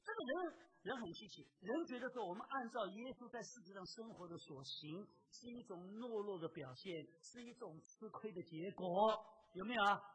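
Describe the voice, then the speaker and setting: A preacher delivering a sermon, emphatic and full of rhetorical questions, swinging between loud exclamations and quiet asides. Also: mid-range voice, slight background noise, low-quality recording.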